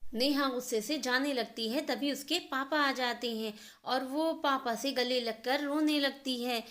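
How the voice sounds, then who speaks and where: A woman narrating a family story in a steady, plain storytelling way. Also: high-pitched, a little slow.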